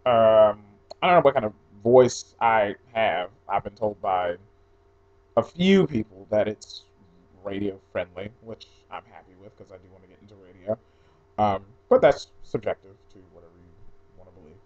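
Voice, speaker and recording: He has a lowish, mellow voice with lively intonation and speaks at a normal pace. The young blogger, a New Jersey native raised mostly in Atlanta, reads questionnaire items for an audio post in a relaxed, offhand way full of asides, recorded at home in slightly dull lo-fi quality.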